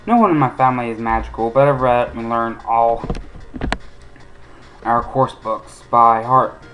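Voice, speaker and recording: A man's voice: mid-range voice, a little slow, a bit bright, soft background music, natural voice, low-quality recording. A man voicing an eager know-it-all schoolgirl witch, reading her game lines primly.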